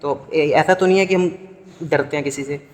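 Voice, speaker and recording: A man's voice: fairly high pitch, normal speed. A young man, telling a story in a casual vlog and checking in with his viewers again and again. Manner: chatty, animated retelling, often asks "ठीक है?". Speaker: vlogger. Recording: roomy with long reverb.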